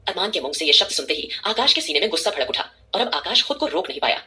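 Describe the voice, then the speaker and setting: A woman narrating a dramatic audio story, reading expressively. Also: fairly low pitch. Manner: expressive, fast-paced reading.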